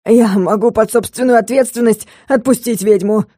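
A woman's voice: brisk, dark tone, dry recording, clean studio sound. Woman voicing a smug ruler of hell. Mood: panicked. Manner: mocking, turns shrill and panicky. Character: scheming pompous male ruler of hell.

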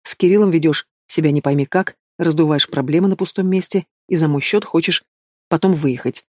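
A man's voice: on the high side, brisk, a little mellow, no room sound, studio quality, lightly acted. A man voicing a blunt, reproachful middle-aged mother who lectures her daughter, in an audiobook. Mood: scolding. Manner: bossy and reproachful.

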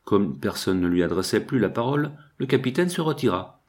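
A man reading a literary novel aloud in measured audiobook narration. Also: on the low side, expressive, a little mellow.

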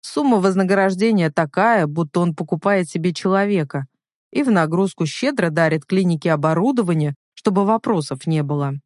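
A hot-tempered, protective older brother, as a woman narrator plays him in a storybook reading. He speaks bluntly and firmly in a lowish voice. The recording is dry and close. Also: brisk, a little mellow, no room sound, natural voice. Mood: indignant.

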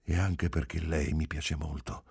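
A man reading aloud plays a reserved young husband who speaks in a measured, reasonable tone. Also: extremely low pitch, dark tone, slightly rough. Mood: guarded. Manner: reasonable, restrained tone.

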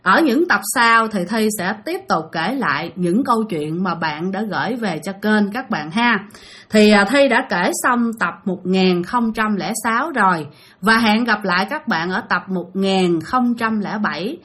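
A woman's voice: mid-range voice, animated, unhurried, a bit bright, breathy edge. A woman, telling listener-sent ghost stories in a chatty way, often turning to address her audience. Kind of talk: casual spoken storytelling.

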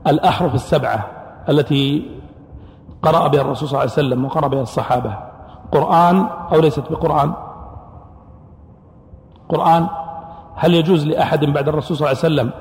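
A man's voice: fairly high pitch, a little mellow. A man teaching as a scholar of Quran sciences in a classroom lecture, explaining points and posing questions he then answers himself. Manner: explanatory, asks and answers his own questions. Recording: echoey hall recording.

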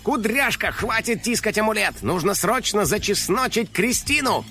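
A man voicing an excitable, bossy male house-spirit detective who makes dramatic exclamations. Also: fairly high pitch, moderate pace, vocal fry, faint music behind, heavily acted. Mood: alarmed.

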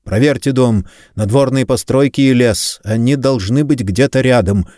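A man voicing a gruff, aggressive male detective chief inspector who barks orders. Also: medium pitch, normal speed, mellow, dry recording, studio quality, close to an everyday voice. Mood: threatening. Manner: barking orders.

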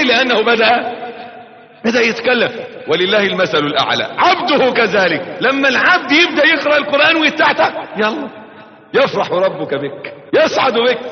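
A man with an Egyptian Arabic accent giving a religious lesson, swinging between loud exhortation and quiet quotation and chanting verses. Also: extremely high pitch. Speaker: preacher. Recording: echoey hall, dull lo-fi tape.

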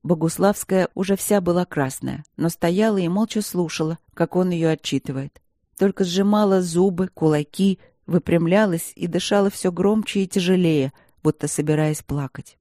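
A woman narrating an audiobook in a measured, expressive storytelling voice. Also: on the low side, no room sound, studio quality. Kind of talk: scripted narration.

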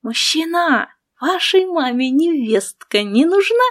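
A woman's voice: high-pitched, animated, slow pace, voice pushed up. A woman voicing a skeptical young witch friend. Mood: dreamy whisper. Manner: exasperated and teasing.

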